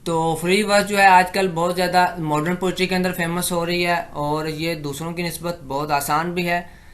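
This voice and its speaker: A man giving an exam-prep lecture, explaining in Hindi-Urdu and reading English definitions slowly and deliberately. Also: high voice, level tone, fairly bright tone. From Pakistan.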